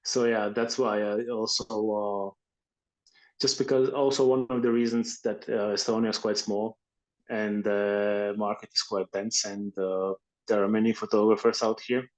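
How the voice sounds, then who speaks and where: A Latvian man, a guest photographer, chats casually in an interview in Estonia, hesitant and often restarting his sentences with many fillers. His voice is on the low side with little pitch movement and a moderate pace, and the audio is poor.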